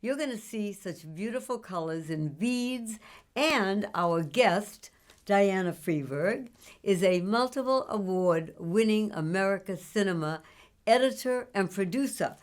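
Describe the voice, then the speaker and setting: A woman's voice: mid-range voice, expressive, unhurried. A woman hosting an interview, enthusiastic and asking her guest leading questions. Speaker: show host. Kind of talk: interview chat.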